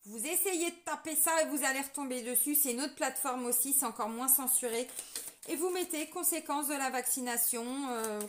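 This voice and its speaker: A woman with a bright, high voice gives a card reading to her online viewers. She talks in a loose, earnest way, full of fillers and tag words, as if chatting with friends. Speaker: tarot card reader and energy healer. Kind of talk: casual monologue to viewers.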